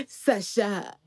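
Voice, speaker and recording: A woman's voice: on the high side, a little mellow, breathy edge, no echo, clean studio sound. A woman playing a scheming gang matriarch. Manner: proud, wailing, then coolly menacing. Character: scheming older female gang matriarch, reverend mother. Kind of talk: dubbed film dialogue.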